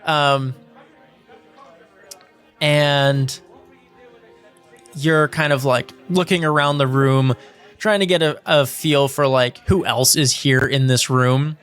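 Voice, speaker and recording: A man's voice: medium pitch, steady tone, takes it slowly, pauses often, fairly bright tone, clear, resonant tone, soft background music. Rambling male game master. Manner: rambling, lots of 'like' and 'um'. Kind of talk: narrating a tabletop game.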